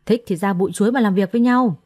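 A hot-tempered young master snaps out short, scolding orders, as a woman narrator puts him on. The voice stays mellow and unhurried, close to her own. It is a storybook telling. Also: mid-range voice, no room sound, close to an everyday voice. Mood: angry. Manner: curt, scolding commands. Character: stern young master, quick-tempered man.

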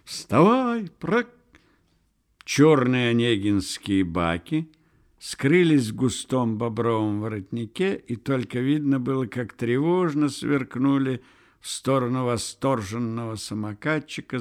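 A man narrating a literary audiobook in a measured, unhurried storytelling manner. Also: mid-range voice.

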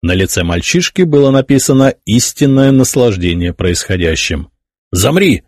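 A man narrating an audiobook with expressive storytelling. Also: lowish voice, normal speed, no room sound, clean studio sound. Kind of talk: scripted narration.

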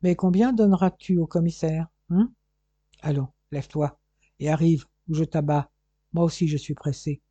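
A man voicing a calm, unflappable male police detective who speaks placidly but firmly, with a dull, lo-fi, dry recording. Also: a little high, moderate pace, husky, no room sound. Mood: threatening. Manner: placid, firm, threatening.

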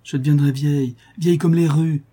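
A man's voice: on the high side, steady tone, fairly quick, dark tone, husky, pitched above the performer's own voice. A man voicing a tearful young woman prisoner who is expecting a child, pleading and sobbing with fierce pride. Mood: tearful resolve.

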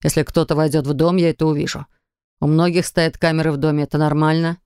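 A woman reading an audiobook, putting on the voice of a stern, domineering husband who speaks coolly and slowly. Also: level tone, a little mellow, smooth, no room sound, studio quality, lightly acted. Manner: cool, clipped, low and unhurried. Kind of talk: audiobook narration.

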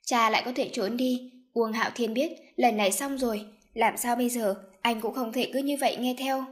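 A woman reads a novel aloud with steady, scripted narration. Her voice sits a little higher than usual for a woman. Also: normal speed. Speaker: audiobook narrator.

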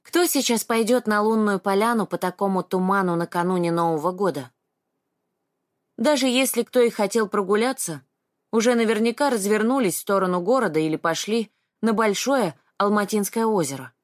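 A woman narrating an audiobook in a calm, even storytelling manner. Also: mid-range voice, normal speed, dry recording, studio quality.

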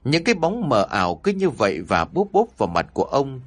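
A man narrating a scripted horror story with dramatic, expressive delivery. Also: mid-range voice, a little fast, no echo.

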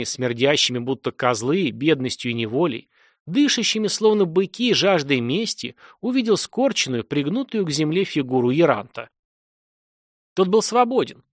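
Male audiobook narrator, animated delivery, dry booth. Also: on the high side, no room sound. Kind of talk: scripted dramatic narration.

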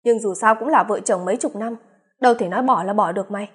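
A man's voice: high voice, quick pace, fairly bright tone, husky. A woman reading the part of a worried middle-aged brother, asking uneasy questions.

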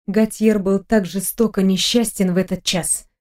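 A woman narrating an audiobook in an even, measured way. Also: mid-range voice. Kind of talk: scripted narration.

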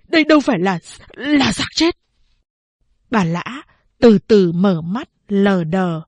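A woman narrating a novel as an audiobook, slow and measured. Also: mid-range voice, darkish tone, breathy edge, no echo.

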